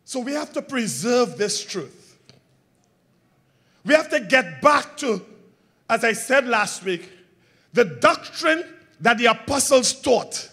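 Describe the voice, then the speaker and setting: Preaching to his flock, this man is very animated yet slow, leaving long pauses and letting a breathy edge color his voice. He asks call-and-response questions and alternates between booming emphasis and soft, low passages.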